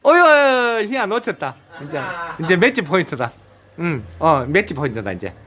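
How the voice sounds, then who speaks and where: A man's voice: sits high, big pitch swings, moderate pace, a bit bright. A man instructing and cheering people on during a video game, with short repeated calls and a lot of laughter. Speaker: activity instructor.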